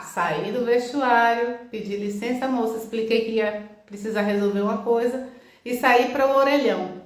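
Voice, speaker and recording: A middle-aged woman gives a motivational talk, telling personal stories as a lively storyteller. She acts out the dialogue and repeats key phrases. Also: a little high. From Bahia, Brazil. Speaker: self-help speaker. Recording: roomy echo.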